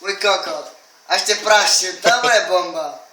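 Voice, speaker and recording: A man's voice: high-pitched, bright, forceful tone. A young man rambling to the camera in a brash, crude, taunting way. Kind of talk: rambling boastful monologue to camera. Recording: echoey room, mic at a distance, faint hiss.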